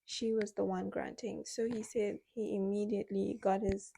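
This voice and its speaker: A woman retells a true crime case in a casual, conversational way. Her pitch stays level, with little rise and fall. Her voice is mellow and subdued. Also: level tone, normal speed, vocal fry, breathy edge, rough recording. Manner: conversational, recounting with quoted speech.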